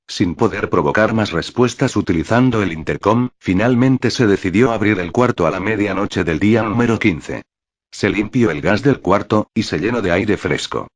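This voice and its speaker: Man, deep voice, horror story narration, steady and measured. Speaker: creepypasta narrator.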